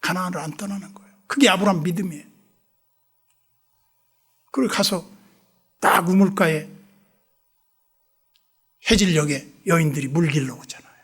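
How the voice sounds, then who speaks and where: A man preaching a revival sermon in a church, telling stories animatedly and acting out both sides of dialogues, dropping to hushed asides. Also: fairly high pitch, normal speed, pauses often, husky. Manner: drops to hushed whispers for asides. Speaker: pastor. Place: church sanctuary.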